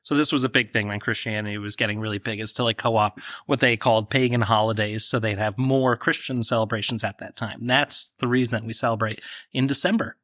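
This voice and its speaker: A man's voice: lowish voice, fairly even intonation, brisk, a bit bright, dry recording, studio quality. A man with a New Jersey accent hosting a podcast, eagerly explaining fun facts and cracking jokes. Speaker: podcast host. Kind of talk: casual podcast chat.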